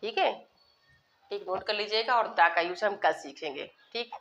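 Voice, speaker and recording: A woman's voice: mid-range voice, lively intonation, normal speed, a bit bright, highs cut off, a little hiss or hum. A woman teacher giving a grammar lesson, repeating key words and asking her students questions that she then answers herself. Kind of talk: classroom grammar lesson in Hindi, with English terms.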